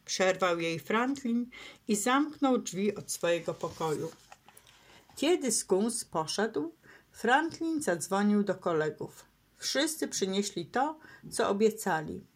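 A woman reading a bedtime story aloud to children in a gentle, expressive, unhurried way. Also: medium pitch.

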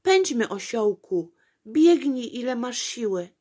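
A woman's voice: fairly high pitch, takes it slowly, a little mellow, breathy edge, voice pushed up. A woman voicing a fussy little princess who frets and exclaims breathlessly. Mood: urgent. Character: fussy little princess girl, easily worried.

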